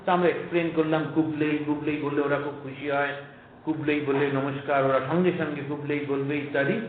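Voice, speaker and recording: A middle-aged man delivers a spiritual lecture, leaning on anecdotes and rhetorical questions. His voice sits high. It comes through a narrow, tinny recording with a roomy echo. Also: little pitch movement, a little fast, slight background noise. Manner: storytelling, humorous asides, rhetorical questions. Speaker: monk lecturer.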